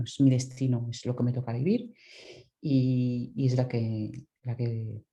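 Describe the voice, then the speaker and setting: A woman from the Dominican Republic presents her research as an academic talk over a video call, heard through the call's microphone. Her voice is extremely low and mellow, and she speaks thoughtfully with many restarts and tag questions.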